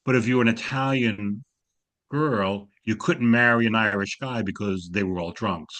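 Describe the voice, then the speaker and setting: A man's voice: on the low side, normal speed, fairly bright tone. Wry older man, slight New York accent. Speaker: class discussion participant. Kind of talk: storytelling in a Zoom class discussion. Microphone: video call.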